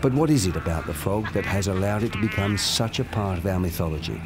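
Low male voice, nature documentary narrator, measured explanatory storytelling, prominent music behind. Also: lively intonation.

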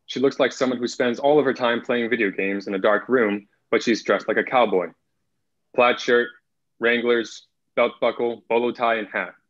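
A young man at a moderate pace, with a medium-pitched, steady, slightly bright voice, reads screenplay stage directions as narrator. The video call audio, captured by a computer mic in an indoor room, is muffled.

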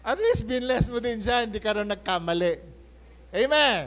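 Switching between Tagalog and English, a male pastor gives an animated Sunday sermon at church, repeatedly calling for an amen and moving from loud outbursts to quiet asides. He speaks briskly in a high voice.

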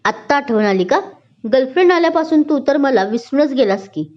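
A woman voicing Ketaki, a bubbly and excitable young college woman in a spoken story. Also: sits high, a little fast, pitched above the performer's own voice. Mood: lively. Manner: lively, excitable. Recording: dull lo-fi recording.

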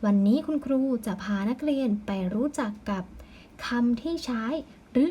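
A woman teacher giving a patient, slow recorded lesson, ending her phrases with polite particles. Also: fairly high pitch, mellow, slightly rough.

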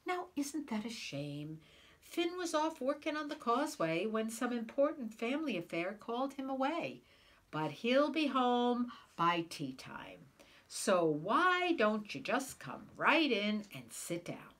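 A woman's voice: fairly high pitch, big pitch swings, unhurried, a bit bright, voice pushed up, exaggerated voice. A woman voicing a clever, sweet-talking wife as she reads a storybook aloud, soothing and sly.

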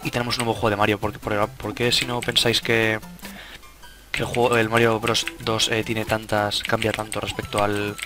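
A man's voice: fairly low pitch, flat delivery, normal speed. A young man with a Spain Spanish accent giving casual let's play commentary, swearing and cutting himself off mid-sentence. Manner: casual, swearing, self-interrupting. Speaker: gaming YouTuber. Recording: game music behind the voice.

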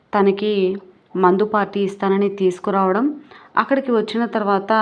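A woman's voice: medium pitch, highs cut off. A woman retelling a TV serial episode as a narrator in continuous storytelling. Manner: continuous storytelling, evenly paced.

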